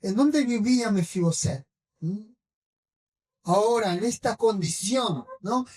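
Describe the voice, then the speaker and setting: Slow-speaking Argentine woman preaching. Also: mid-range voice, lively intonation, mellow, husky. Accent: Rioplatense Spanish. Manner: checks in with the congregation with frequent tag questions; retells scripture slowly, with pauses and fillers. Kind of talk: sermon. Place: church hall. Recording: voice from a distance.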